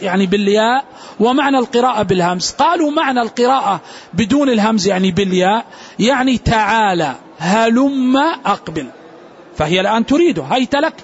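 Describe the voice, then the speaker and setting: A man giving a Quran exegesis lesson, explaining and reciting verse readings slowly. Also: sits high, highs cut off. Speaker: Quran teacher.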